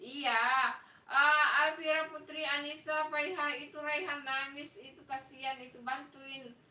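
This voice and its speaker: Bright-voiced woman hosting a live stream. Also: high-pitched, fairly even intonation, measured pace. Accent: Makassar Indonesian. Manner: playful, coaxing viewers to like and subscribe; teasing mock-sympathy. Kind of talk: casual live stream chat reading viewer comments. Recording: echoey room, voice a bit far from the mic.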